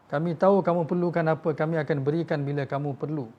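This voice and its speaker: Dull audio captures a man with a slightly high voice who talks fast in a steady tone. Preaching in a Malaysian Malay accent, he tells emotional stories, gives voice to the figures he quotes, and addresses his listeners directly as tuan-tuan.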